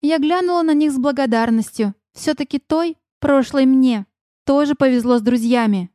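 A woman narrating a fantasy story in the first person, in even, clear storytelling. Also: sits high, normal speed, dry recording, clean studio sound. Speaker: audiobook narrator.

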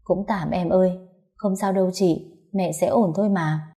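Brief: quiet, sorrowful grown daughter, voiced by a woman, mellow and low. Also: fairly even intonation, normal speed, close to an everyday voice. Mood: sad. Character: grieving devoted adult daughter, sorrowful.

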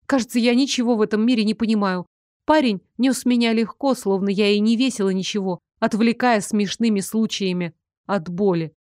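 A woman's voice: mid-range voice, a little fast, darkish tone, dry recording, clean studio sound. Woman narrating a fantasy audiobook. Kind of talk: first-person fantasy novel narration.

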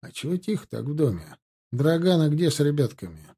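A man's voice: fairly high pitch, big pitch swings, brisk, dark tone, slightly rough, exaggerated voice. A man voicing a young male cavalry lieutenant, plain and matter-of-fact.

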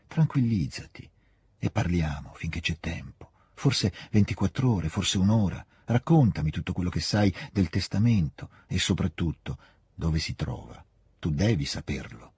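A man reading aloud, voicing a smooth, scheming older nobleman who coaxes in a soft, hushed way. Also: low voice, animated, normal speed, no room sound, clean studio sound, heavily acted. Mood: coaxing. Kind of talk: audiobook reading.

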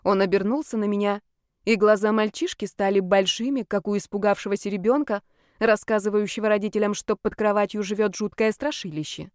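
Woman narrating an audiobook, smooth and close. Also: mid-range voice, steady tone, fairly quick, darkish tone, dry recording.

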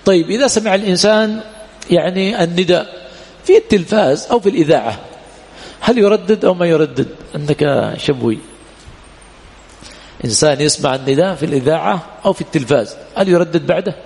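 Brief: male religious teacher, rapid and gravelly delivery, drills the class with questions, long reverb in the hall. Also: fairly high pitch, animated, darkish tone. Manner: asks the class questions, repeats key points. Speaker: teacher of Islamic law. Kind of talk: classroom lesson.

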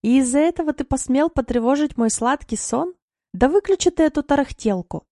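A woman's voice: sits high, expressive, a little fast, warm tone, no room sound, clean studio sound, voice pushed up. A sleepy grumbling wife read by a woman. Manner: grumbling, mock-complaining. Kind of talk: audiobook narration.

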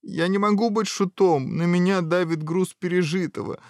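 A man's voice: medium pitch, animated, unhurried, creaky, a little mellow, no room sound, studio quality. A man voicing a tearful, self-pitying young prince in a storybook, whiny and plaintive.

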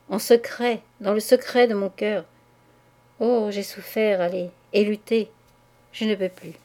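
A guilt-stricken married woman confesses her love, breathless and faltering on the edge of tears, as a woman reads her. Her voice sits at a mid pitch and keeps breaking off and starting again. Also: warm tone, close to an everyday voice.

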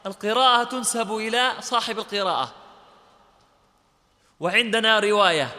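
A man's voice: sits high, pushed and bright, long reverb tail. A man teaching a Quran recitation lesson, explaining terms step by step and quizzing his listeners with questions. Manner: chants short verse quotations in lesson. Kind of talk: classroom lecture.

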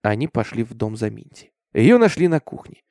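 A man narrating a horror story with an intense, expressive delivery. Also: medium pitch, a little fast, dry recording, clean studio sound. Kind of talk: dramatic horror story reading.

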